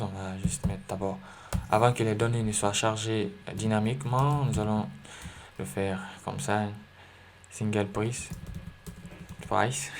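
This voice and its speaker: A man's voice: on the low side, background noise. A man teaching a coding lesson, thinking aloud with lots of fillers and self-corrections. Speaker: coding tutorial instructor. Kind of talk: screen-recorded coding lesson. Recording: faint keyboard typing and clicks.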